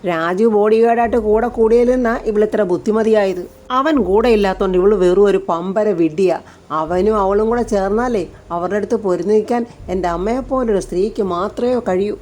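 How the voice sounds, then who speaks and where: A woman's voice: medium pitch, a little fast, dark tone, close to an everyday voice. A woman voicing a spoiled young man in a retold serial who mocks others. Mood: mocking. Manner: mocking. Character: young man, spoiled son, sneering at his rival.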